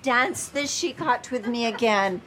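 A woman's voice: fairly high pitch, expressive, unhurried, fairly bright tone, slight background noise, poor audio. An actress playing a free-spirited, shameless middle-aged mother, breezy and overfamiliar in a TV comedy-drama. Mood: coaxing. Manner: breezy, theatrical, unembarrassed.

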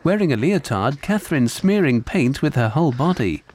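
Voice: medium pitch, very animated, moderate pace, darkish tone, a little hiss or hum. A narrator giving scripted audio description in the present tense for a screen programme.

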